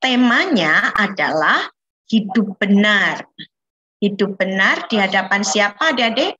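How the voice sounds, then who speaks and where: A woman's voice: medium pitch, animated, a little slow, pushed and bright, muffled recording. A woman leading a children's Bible lesson over a video call, patiently coaxing the kids with questions. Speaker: children's Sunday school teacher.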